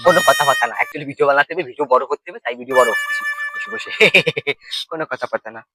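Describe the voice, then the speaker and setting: A young male comedy vlogger with a Bengali accent rambles through a comic monologue, tripping over his words and sliding into sing-song lines and mock wailing. His voice is a little high and fast, with loud music playing behind it.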